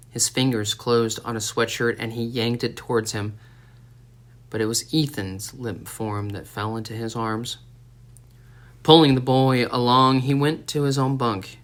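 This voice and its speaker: A male audiobook narrator reads a tense story in a steady, dramatic way. His voice sits at an ordinary middle pitch. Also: measured pace. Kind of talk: scripted narration.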